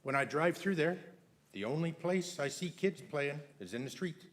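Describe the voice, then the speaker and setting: A man speaking as a resident at a council meeting, halting with many fillers and turning blunt. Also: a little high, animated. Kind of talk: public comment at council meeting. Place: council chamber.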